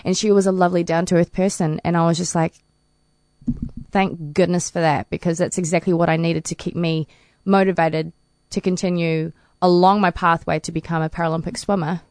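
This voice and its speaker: Chatty New woman, low voice. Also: little pitch movement, a little fast, darkish tone, smooth, no room sound, clean studio sound. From New Zealand. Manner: chatty, laughs often. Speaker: interview guest, para swimmer. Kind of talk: casual interview answers.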